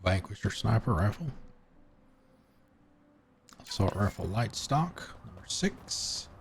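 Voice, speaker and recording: A man's voice: lowish voice, big pitch swings, slow pace, background noise. A man streaming a video game, chatting casually in a rambling, hesitant way with many fillers. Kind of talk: casual gameplay chat.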